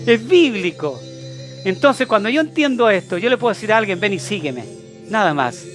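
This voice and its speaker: High-voiced emphatic Chilean preacher. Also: male voice, very animated, a little fast, fairly bright tone, faint music behind. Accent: Chilean Spanish. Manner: emphatic, repetitive preaching with rhetorical questions. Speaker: apostle and preacher. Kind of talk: sermon.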